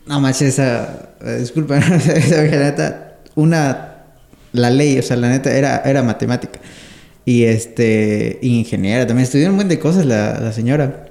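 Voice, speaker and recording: A Mexican man hosts a podcast in a laid-back, slangy way. His voice is gravelly and dark. The room sounds roomy and echoey. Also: medium pitch. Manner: relaxed, slangy, frequent backchannel. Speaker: podcast host. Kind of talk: casual chat.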